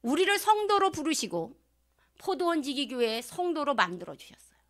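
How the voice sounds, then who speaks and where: Woman pastor, sermon delivery; high, sharp tone, acts out prayers, drops into whispers. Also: very animated, moderate pace. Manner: rhetorical questions to the congregation, swinging from loud to hushed whispers; acts out prayers and quotes in changed voices.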